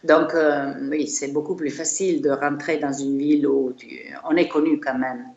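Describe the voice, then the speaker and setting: A woman's voice: sits low, fairly even intonation, normal speed, a little mellow, reverberant, lo-fi sound. A middle-aged Italian woman speaking French with an Italian accent, a chiropractor talking as a guest in a casual interview, hesitant with many fillers and restarts. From Italy.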